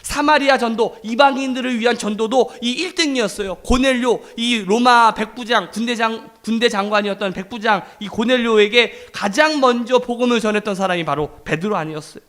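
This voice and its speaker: A middle-aged pastor with a high voice delivers a Sunday sermon. He talks in a lively, conversational way and slips into acted quotes of the people in his story. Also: a little fast, few pauses.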